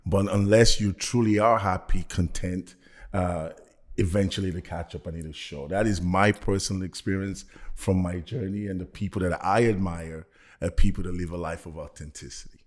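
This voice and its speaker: A man's voice: deep voice, fairly even intonation, normal speed. A man from Belgium, a motivational speaker, talking earnestly and reflectively as a podcast guest. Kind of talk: casual podcast conversation.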